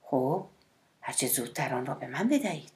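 A woman narrator voicing a shy, hesitant middle-aged male cellist who speaks in a hushed, timid way in an audiobook. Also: extremely low pitch, lively intonation, voice pushed down. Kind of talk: audiobook character voice.

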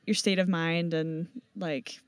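A woman who races mountain bikes professionally, answering interview questions in a relaxed way and thinking aloud with many fillers and restarts. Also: fairly low pitch, slow, clear, resonant tone, no room sound. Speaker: professional mountain bike racer and team owner.

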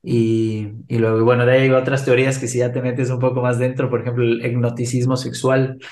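A man in his thirties from Ecuador with an Ecuadorian accent, a podcast guest telling a story in a lively way and acting out the voices of the people in it. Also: medium pitch, fairly quick. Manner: animated, acts out quoted voices. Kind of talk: casual storytelling. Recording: roomy echo.

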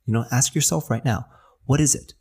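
A man in his thirties with a medium-pitched, dark, slightly rough voice speaks fairly quickly, offering earnest encouragement directly to the listener on his motivational podcast. He is a podcast host and acupuncturist who comes from New Jersey and grew up in New York.

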